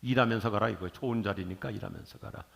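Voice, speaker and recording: An older man preaching a sermon in a church, lively and jokey with sudden loud bursts. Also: lowish voice, fast, gravelly. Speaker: pastor. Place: church sanctuary.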